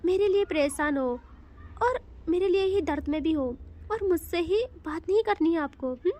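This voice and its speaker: A woman doing a gentle coaxing young lover. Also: extremely high pitch, expressive, normal speed.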